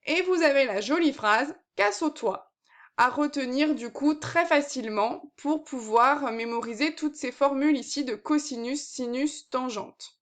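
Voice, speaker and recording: High-voiced woman teaching maths. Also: moderate pace, few pauses. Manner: patient, step by step, frequent fillers. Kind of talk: recorded maths lesson.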